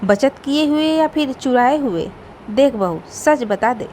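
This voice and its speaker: A woman's voice: high-pitched, lively intonation, unhurried, dark tone, a little hiss or hum. A woman voicing a stern middle-aged mother-in-law who scolds and suspects her daughters-in-law. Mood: accusing. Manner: scolding, suspicious.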